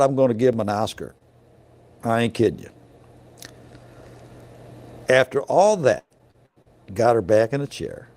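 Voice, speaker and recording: A man's voice: medium pitch, darkish tone. Folksy middle-aged man telling a story. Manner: folksy, chatty, peppered with "you know" asides. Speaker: truck scale inspector. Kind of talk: casual storytelling.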